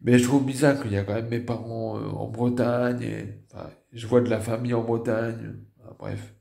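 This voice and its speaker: A man's voice: mid-range voice, steady tone, vocal fry, echoey room. Tired, nasal northern French man. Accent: northern French (Nord). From Nord, northern France. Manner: halting, many fillers and restarts, trailing off quietly. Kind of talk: casual personal storytelling.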